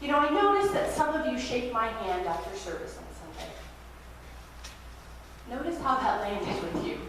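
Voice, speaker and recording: A woman pastor preaching a sermon at a pulpit microphone in a church sanctuary, in a gentle, reflective way that invites listeners to practice. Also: a little high, very animated, normal speed. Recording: very echoey church hall, distant mic, faint hiss.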